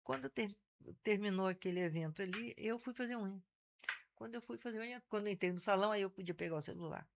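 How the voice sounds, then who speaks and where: A woman in her sixties with a Carioca accent, speaking as an interview guest. Her voice has a gravelly, fry-edged texture. She tells her stories with animation and keeps restarting her sentences. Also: mid-range voice, fast talker, noisy background. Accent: Carioca Portuguese. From Brazil (Rio de Janeiro). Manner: animated storyteller, frequent self-restarts. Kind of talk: casual conversational interview.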